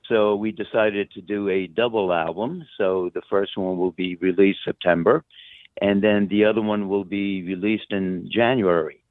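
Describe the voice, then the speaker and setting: This musician guest from the United States joins remotely on a narrow-band phone line, his voice on the low side and steady at normal speed, with no room sound. He talks casually and informally in the interview, rambling and hesitating.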